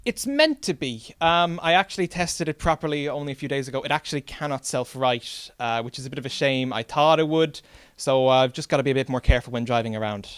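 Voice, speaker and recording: A man's voice: mid-range voice, fast talker, smooth, no room sound. A man with a west of Ireland accent, a robot competitor explaining things in a modest, candid way. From Galway, Ireland. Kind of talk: explanatory interview answers.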